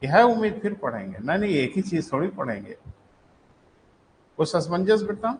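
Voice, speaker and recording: A man's voice: a little high, sing-song, moderate pace, a little mellow, a little hiss or hum, low-quality recording. A male teacher giving a live online lecture, dictating notes, asking check questions and calling his students "beta".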